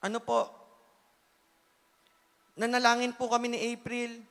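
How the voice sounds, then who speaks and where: A man gives an emotional church testimony in a very high, bright and forceful voice. He is earnest, shifting between loud pleading and quiet asides. The sound carries a long reverb, as in a church hall. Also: monotone, unhurried. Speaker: church speaker giving testimony.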